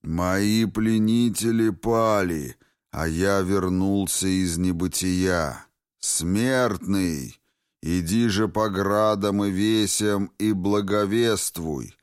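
A man voicing an ancient, wrathful ghost dragon in an audiobook, speaking slowly and solemnly. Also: low voice, clean tone, no echo, studio quality. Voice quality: slow, heavy, solemn delivery.

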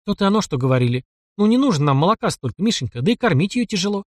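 Man doing a doting older village aunt, folksy and fussing, lively pitch, dry sound. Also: very fast, dry recording.

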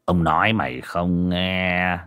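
A man's voice: low-pitched, fairly even intonation, slow pace, sharp tone, clear, resonant tone, voice pushed down, heavily acted. Man doing a cruel sneering moneylender. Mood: cold, menacing. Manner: sneering, barking insults and orders. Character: cruel wealthy moneylender man, scornful, bullying.

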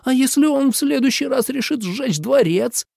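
A man voicing a hot-tempered young male emperor in an audiobook, with shrill, furious high-pitched outbursts. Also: sing-song, normal speed, creaky, a little mellow, slightly rough, no echo, studio quality, full character voice. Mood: mocking. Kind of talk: audiobook character voice.

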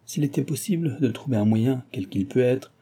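A man's voice: medium pitch, animated, normal speed, dark tone, slightly rough. A man reading aloud and voicing a stern, dignified older noblewoman who argues earnestly and persuasively.

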